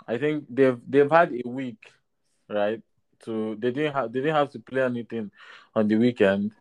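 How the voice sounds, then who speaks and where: Male panelist for a relaxed football chat, mid-pitched, peppering points with "right?". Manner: tags phrases with "right?". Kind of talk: casual sports discussion.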